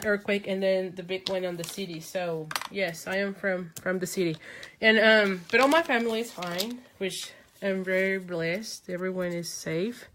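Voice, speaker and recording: A native-speaking woman from Mexico hosts a live craft demonstration in a medium-pitched, fairly bright voice. She's chatty, thinks aloud as she works with lots of ums, and answers viewers' comments.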